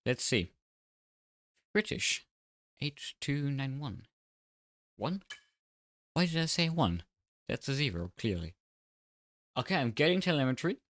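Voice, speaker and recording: A man speaking with braces that make his S sounds slightly off, chatting casually and commentating on a livestream in a low-key, dryly sarcastic way. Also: big pitch swings, measured pace, long pauses, a bit bright, no room sound, clean studio sound. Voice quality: slightly slurred, odd S sounds from new braces. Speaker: livestreamer and sim racing commentator.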